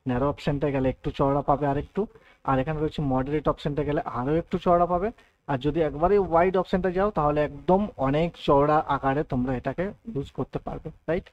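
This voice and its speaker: A man giving a step-by-step software tutorial over a screen recording, checking in with his listeners often. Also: a little high, no echo, dull audio. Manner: explains step by step, often adds "thik ache" and "right". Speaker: computer tutor.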